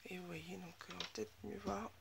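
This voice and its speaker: Against a noisy background, a woman with a lowish, creaky, slightly nasal and congested voice talks briskly in a steady tone. She's a scrapbooking vlogger doing a casual haul of new craft supplies, chatting enthusiastically and gushing over each purchase.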